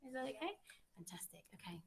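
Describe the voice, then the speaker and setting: A woman's voice: on the low side, sing-song, fast, vocal fry. A young woman, a French teacher, running a classroom quiz with pupils in an encouraging, chatty way.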